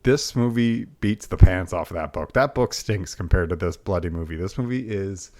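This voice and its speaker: A man's voice: low voice, expressive, normal speed, darkish tone. A man co-hosting a podcast in a laid-back, wry, chatty way. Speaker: podcast co-host. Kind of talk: casual chat.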